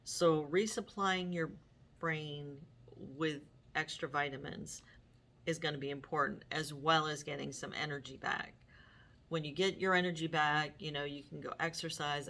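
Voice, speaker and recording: A woman's voice: deep voice, pushed and bright, slight background noise. A middle-aged woman hosting her own vlog, talking casually to viewers with many fillers and restarts. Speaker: vlog host. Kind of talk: casual talk to camera.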